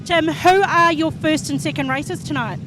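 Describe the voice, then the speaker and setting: A woman's voice: high-pitched, normal speed. A woman with a New Zealand accent, chatty and encouraging as she interviews drivers live as a trackside reporter. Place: outdoors in rain at a speedway. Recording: noisy outdoor speedway with vehicles.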